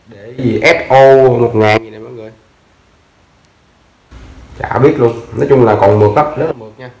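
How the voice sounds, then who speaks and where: A man's voice: medium pitch, moderate pace, darkish tone. Young guy rambling on about his old fishing reels, talking into a phone, echoey tiled room. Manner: loose and chatty, fumbling for brand names, often calling out to viewers. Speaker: seller of used fishing gear. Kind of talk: casual sales talk to camera. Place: tiled indoor floor of a house, sitting down.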